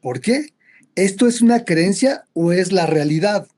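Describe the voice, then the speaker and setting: A man's voice: high voice, lively intonation, a little slow, a little mellow. A man, a psychologist explaining ideas conversationally, with frequent restarts. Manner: storytelling, acts out quoted characters. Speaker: psychologist guest.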